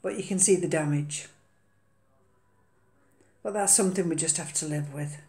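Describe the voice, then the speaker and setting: A woman's voice: low-pitched, moderate pace, warm tone, echoey room. An older woman chatting casually about potting an orchid in her kitchen, hesitant with many ums and uhs. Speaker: orchid vlogger. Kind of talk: casual chat while potting a plant. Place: home kitchen.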